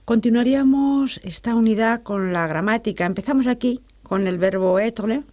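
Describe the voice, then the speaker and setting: A woman's voice: on the high side, normal speed, a little mellow. A woman presenting a language lesson, moving it along with brief guiding questions.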